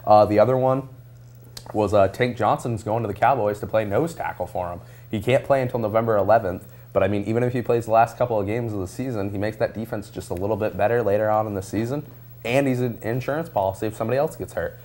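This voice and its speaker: A man on a live sports talk show, giving his quick, earnest take on team moves. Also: lowish voice, darkish tone. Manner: quick, earnest, with many fillers and restarts. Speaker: radio sports talk co-host. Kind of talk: sports opinion segment.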